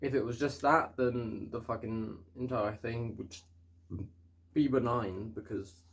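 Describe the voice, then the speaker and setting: A man's voice: medium pitch, steady tone, unhurried, vocal fry, slight background noise. A young man in casual storytime chat, ranting in an exasperated, sweary way.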